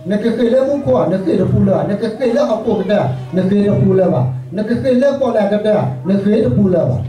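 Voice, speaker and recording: A man's voice: sits high, animated, rapid-fire, dark tone, soft background music. A man preaching a sermon as pastor, talking to his congregation in a conversational way. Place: church sanctuary. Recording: echoey church hall, mic far off.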